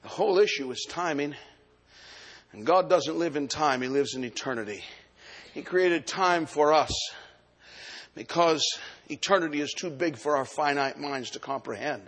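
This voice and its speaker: Here a sixty-something pastor speaks at normal speed in a fairly high pitch during a live sermon. His repeated, rhythmic phrases rise into chanted shouting, heard through long hall reverb over faint background music.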